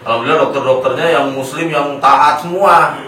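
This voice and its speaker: Male clinic therapist, gentle and explanatory, off-mic in a very echoey room. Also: on the high side, fairly quick. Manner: gentle coaching, then plain explanation to parents. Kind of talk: clinical consultation with a patient and family. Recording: echoey room, mic at a distance, faint noise.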